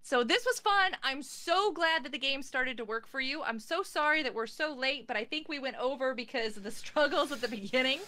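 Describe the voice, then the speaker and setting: A woman's voice: high-pitched, fairly quick, hardly any pauses, bright, forceful tone. A woman co-hosting a live game stream, chatting casually and a little apologetically.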